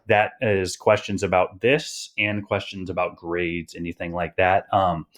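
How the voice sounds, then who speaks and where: A young man teaching students in a recorded online lesson, rambling with many fillers and a bit out of breath. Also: sits low. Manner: rambling, many "um"s and "you guys". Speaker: high school teacher.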